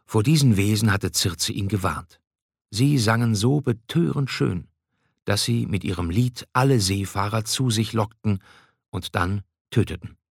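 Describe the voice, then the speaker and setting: A man narrating a scripted storybook in an even, measured way. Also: fairly low pitch, gravelly, breathy edge, no echo, clean studio sound.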